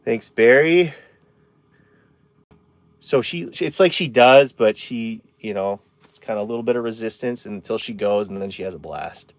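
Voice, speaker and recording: A man's voice: medium pitch, normal speed, no echo. Chatty man streaming from his camper van. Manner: rambling, chatty, reads out viewer comments. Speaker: camping live streamer. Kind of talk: casual live-stream chat. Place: inside a camper van in a winter forest.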